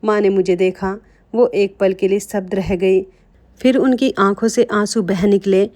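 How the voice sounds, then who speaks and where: A woman narrates a dramatic first-person story in an emotional storytelling manner. She speaks directly to her listeners, at an everyday medium pitch. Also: steady tone, unhurried, warm tone. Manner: emotional, addresses listeners as friends.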